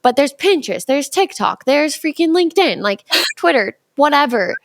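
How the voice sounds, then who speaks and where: A woman hosting a podcast, chatting casually in quick bursts and agreeing often. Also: high-pitched, big pitch swings, no room sound. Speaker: podcast host.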